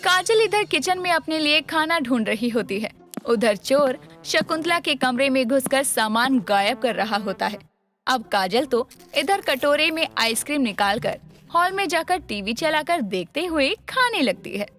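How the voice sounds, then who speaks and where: A woman narrates a storybook tale in a high, animated voice that rises and falls freely. Faint music plays under her narration. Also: a little slow.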